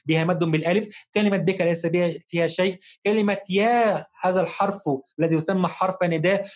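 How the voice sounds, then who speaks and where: A man teaching a recorded primary-school lesson, addressing his pupils fondly and slowing down to read examples word by word. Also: sits high. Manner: slow, careful dictation-style reading of examples. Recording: dull, lo-fi recording.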